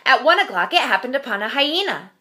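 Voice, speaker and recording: A woman in her thirties reading a children's picture book aloud at home in front of a webcam, expressive and slowing for suspense. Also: sits high. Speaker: storyteller. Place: home room with shelf.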